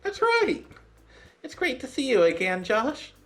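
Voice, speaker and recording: A man's voice: extremely high pitch, huge pitch swings, measured pace, a bit bright, voice pushed up, full character voice. A man voicing a sweet, confident teenage girl from a game. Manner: sweet, reassuring.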